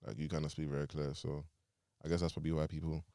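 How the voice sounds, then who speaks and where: A man's voice: extremely low pitch, flat delivery, fast talker, warm tone, dry recording, clean studio sound. A young man, talking casually in a group discussion.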